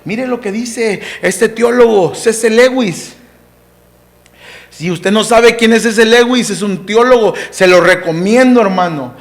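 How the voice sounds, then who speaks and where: A man preaching a sermon as pastor, who shouts out scripture and then drops to a hushed, slow voice, calling the congregation "hermano" and "amado". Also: high voice.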